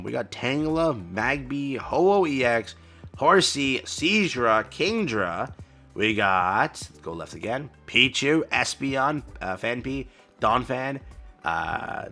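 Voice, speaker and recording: A man hosting a card-game channel, giving an excited, casual reaction commentary full of exclamations and slang like bro and dude. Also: mid-range voice, vocal fry. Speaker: card game content creator.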